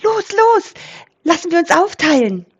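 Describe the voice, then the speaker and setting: A woman's voice: sing-song, lo-fi sound, full character voice. Woman doing a flustered, chattering goose. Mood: excited. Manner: high, breathless, hurried. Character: very excited female wild goose, flustered.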